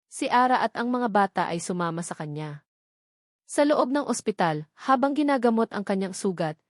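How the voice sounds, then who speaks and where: A woman with a Filipino accent narrates a scripted romance story dramatically in a medium-pitched, slightly mellow voice. The recording is studio quality with no room sound.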